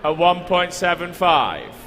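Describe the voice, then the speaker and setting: High-pitched male auctioneer in an echoing hall. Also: very animated, unhurried, fairly bright tone. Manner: repeats figures insistently, coaxing bidders. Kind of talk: live car auction bid-calling. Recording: echoey large hall, background noise.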